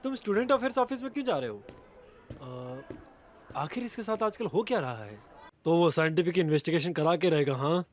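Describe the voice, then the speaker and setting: Guy doing an annoyed teacher with a high voice, scolding the kid, a bit of hiss. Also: animated, fairly quick, close to an everyday voice. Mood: exasperated. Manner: exasperated, scolding. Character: exasperated male teacher. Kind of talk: Hindi dub of a TV drama.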